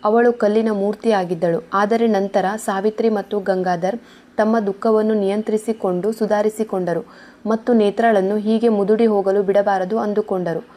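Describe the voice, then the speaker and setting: Woman storyteller, mellow warm tone, steady scripted narration. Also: medium pitch, normal speed.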